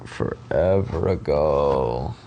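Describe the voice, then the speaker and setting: A man co-hosting a reaction video, making sarcastic, mocking deadpan jokes. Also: a bass voice, extremely slow, creaky, lo-fi sound, a little hiss or hum. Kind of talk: casual reaction commentary.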